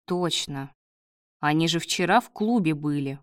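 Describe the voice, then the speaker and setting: A woman reading the part of a gruff, hungover male doctor who speaks curtly and snaps orders. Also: fairly high pitch, a little slow, dry recording, studio quality, lightly acted. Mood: harried. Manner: curt, snapping orders.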